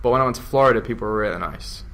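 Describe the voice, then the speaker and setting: A young man from England with an English accent, talking in a loose, offhand way. His voice sits at an ordinary middle pitch. He rambles and laughs as he chats. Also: racing, vocal fry, fairly bright tone. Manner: chatty, drifts into mock voices and laughs. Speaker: YouTube gamer. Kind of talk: casual chat.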